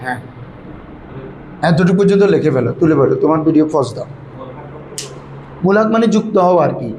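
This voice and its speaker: Man, grammar teacher, high voice, call-and-response lesson, echoey room, faint noise. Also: lively intonation, a little fast, a little mellow. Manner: prompts students to repeat answers, calls them "babara".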